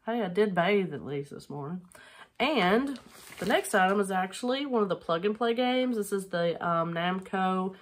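A woman's voice: mid-range voice, animated, moderate pace. A middle-aged woman chatting casually at home on a camera mic, rambling with lots of filler ums as she shows items she has sold. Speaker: online reseller vlogger.

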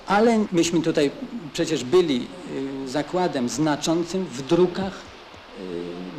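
A man's voice: on the high side, vocal fry, darkish tone. A man employed at a factory, explaining things in an unscripted interview in a hesitant, roundabout way. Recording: noisy location sound.

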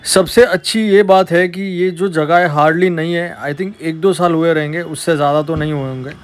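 एक युवा पुरुष ट्रैवल व्लॉगर, बाहर पर्यटन पार्क में कैमरे से बोलते हुए, उत्साह से बातें करता है और हिंदी में अंग्रेज़ी शब्द मिलाता है।. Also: male voice, a little high, moderate pace, dry recording. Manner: chatty, excited, mixes English into Hindi. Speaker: travel vlogger. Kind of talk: casual travel vlog.

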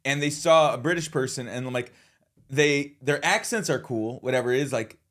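A man's voice: moderate pace, a bit bright. A man bantering and joking on a casual podcast with his co-hosts. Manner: joking banter with big pitch swings. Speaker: podcast co-host.

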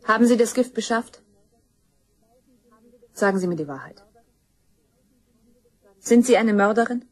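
An actress plays a young adult in a crime radio drama, a grim, determined woman seeking justice for her murdered mother. She speaks at a measured pace in a higher voice, sounding accusing, insistent and demanding.

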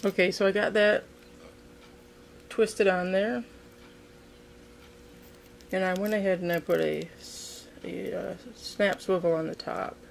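A woman's voice: medium pitch, fairly even intonation, takes it slowly, gravelly, pauses often, a little hiss or hum. A woman hosting a casual how-to video, demonstrating a craft at a table indoors and thinking aloud with frequent ums and restarts. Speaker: fishing craft video host.

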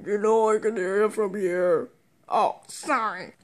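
A woman's voice: medium pitch, fairly even intonation, slow, lightly acted. A woman voicing a nervous male henchman who pleads and apologizes to his boss, in a fan-made toy animation. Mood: sulky. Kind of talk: fan stop-motion voice acting.

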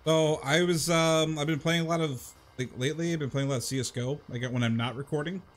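A man in his thirties hosts a video game livestream, his slightly high voice moving fast as he plays. He chats casually to viewers, rambling and repeating himself, while soft music runs in the background.

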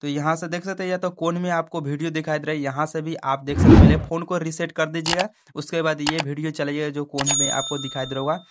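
A man's voice: a little high, level tone, fast, few pauses, very noisy. Chatty young man explaining phone steps. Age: young adult. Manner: chatty, keeps addressing viewers as friends, frequent "okay?" check-ins. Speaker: phone tutorial host. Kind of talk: casual step-by-step tech tutorial.

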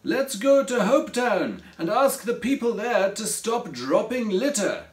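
A bold young crab from a children's storybook, brisk and bossy, pitched a little above a man's normal voice, as a man puts him on. The voice is lively and sounds a little distant in a roomy, echoing space. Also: exaggerated voice. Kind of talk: storybook reading.

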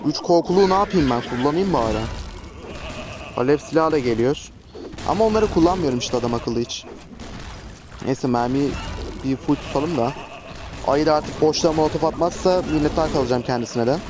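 A man giving casual, chatty gameplay commentary as a gaming host, often exasperated and cursing at enemies. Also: mid-range voice. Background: traffic noise.

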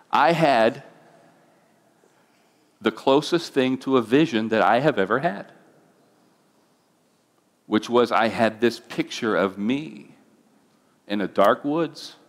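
A middle-aged man, a pastor, telling a personal testimony in a sermon, his voice climbing when he gets emotional. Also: medium pitch. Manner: emotional storytelling, voice rising when moved.

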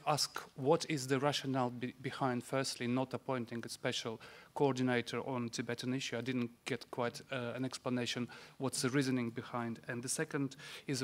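A middle-aged man from Latvia asking a measured, critical question from the floor of a seminar, into a desk microphone in a large conference room. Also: mid-range voice. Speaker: audience member asking a question.

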